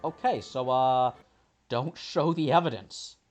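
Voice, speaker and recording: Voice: medium pitch, slow pace, highs cut off, faint music behind. A let's play host commenting on a game and reading its dialogue aloud in character voices.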